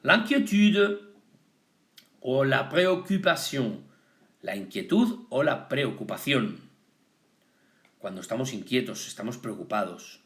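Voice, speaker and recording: Slow, lively-voiced man teaching vocabulary. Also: mid-range voice. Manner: slow, deliberate, switching between French and Spanish. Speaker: French teacher. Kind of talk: bilingual vocabulary lesson.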